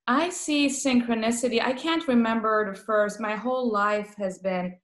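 With a slightly high voice at a moderate pace, a woman from Iran tells laughing stories as a palliative care guest in a relaxed interview. She has a Persian accent, Farsi is her first language, and the audio is reverberant.

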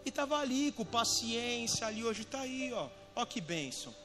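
A man preaching as a pastor in a casual storytelling sermon, animated and slangy, mimicking members of his church in quoted asides. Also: very high voice, moderate pace, over music.

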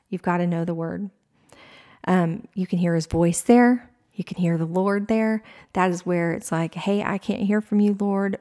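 A woman's voice: fairly low pitch, mellow. A woman giving a conversational devotional teaching, chatty and earnest, with frequent exclamations. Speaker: devotional speaker.

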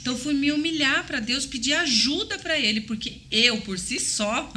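Bright-voiced Brazilian woman telling a testimony. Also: high voice, moderate pace. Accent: Brazilian Portuguese. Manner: animated, acts out voices in her story. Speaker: guest sharing a testimony. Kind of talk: emotional personal storytelling.

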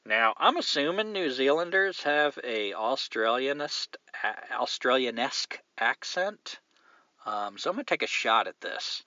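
A man's voice: mid-range voice, big pitch swings, measured pace, bright, forceful tone, no echo, muffled recording. A man hosting a casual solo podcast from a car, reading listener mail with a rambling, joking, profane manner. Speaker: podcast host.

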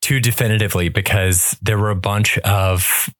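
Man, podcast co-host, animated storytelling, casual, dry close sound. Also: lowish voice, normal speed, no room sound. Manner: animated storyteller, laughs while telling. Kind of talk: casual chat.

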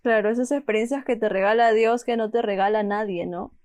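A woman host answering earnestly, with slow emphasis. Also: on the high side, steady tone, a little mellow, no room sound. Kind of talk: reflective interview reply.

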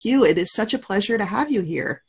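A woman hosts a podcast with a slightly husky voice, reading a polished introduction and then asking friendly, easygoing questions. Her pitch sits in an ordinary middle range. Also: expressive, fairly quick. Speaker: podcast host. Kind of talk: podcast interview.

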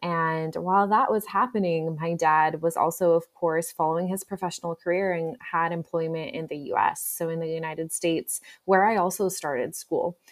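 A woman's voice: on the low side, fairly even intonation, normal speed, few pauses. A young woman in her twenties from the Czech Republic, a pharmacy resident answering interview questions in an earnest, talkative way with lots of "you know" and "um.". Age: 20s.

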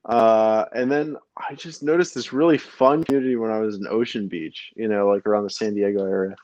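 A man's voice: lowish voice, steady tone, fairly quick, a little mellow, dry recording. A man from Brooklyn hosting a podcast in casual chat, rambling with plenty of fillers and restarts. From Brooklyn, New York. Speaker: podcast host. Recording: dull lo-fi dry sound.

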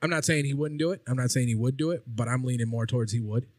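A man's voice: medium pitch, fast talker, darkish tone, no echo. A man co-hosting a podcast, chatting casually over drinks and swearing freely. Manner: laid-back, swears freely. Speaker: podcast co-host.

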